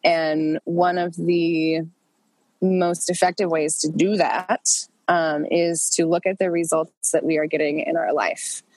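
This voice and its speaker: A woman with a cold coaches an online group in chatty, loose casual talk full of fillers and restarts, sounding congested. Her voice sits low and darkish, level in tone at a measured pace, and the recording is dry with poor audio.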